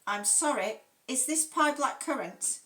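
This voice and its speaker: A woman's voice: high voice, big pitch swings, normal speed, sharp tone, voice pushed up, full character voice. A woman reading aloud and voicing a nervous, tearful woman judge with a quivering, pleading voice. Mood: distressed.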